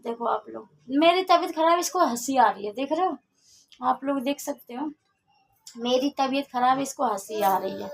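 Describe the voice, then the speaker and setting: A woman's voice: fairly high pitch, normal speed, creaky, husky, rough recording. A young woman chatting in a casual home vlog, feeling unwell and complaining in a rambling, repetitive way. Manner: chatty, complaining, repeats herself a lot. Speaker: vlogger. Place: at home indoors.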